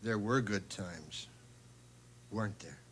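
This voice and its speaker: A man playing a proud, wistful middle-aged divorced father in a television drama, speaking in an earnest, coaxing and halting way. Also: mid-range voice, very animated, a bit bright, a little hiss or hum. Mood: earnest pleading.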